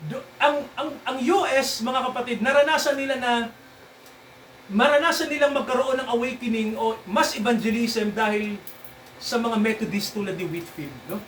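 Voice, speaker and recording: A man's voice: extremely high pitch, moderate pace, a bit bright, slight background noise. A Filipino man preaching as a pastor, mixing English into his sermon and often checking in with the congregation with "no?" and "Amen po?", then leading a prayer. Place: church hall. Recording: echoey hall heard from far off.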